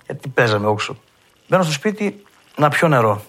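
A man with a Cretan accent, a mandolin player telling stories from his past and acting out old conversations in a lively way. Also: medium pitch. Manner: lively storyteller who acts out past dialogue. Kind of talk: reminiscing storytelling.

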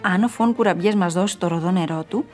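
A woman voicing an excited male rose prince, in a storybook reading. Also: fairly low pitch, soft background music, lightly acted.

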